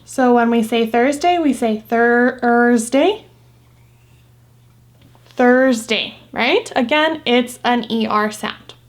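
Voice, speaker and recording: Slow, patient woman teaching phonics. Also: fairly high pitch. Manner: patient, repeats example words slowly. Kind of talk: recorded phonics lesson for young students.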